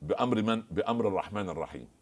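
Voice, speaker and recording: Fast-talking deep-voiced man preaching. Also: lively intonation, a little mellow. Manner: preaching, quoting scripture and stories. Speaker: religious scholar guest. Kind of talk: studio religious discussion.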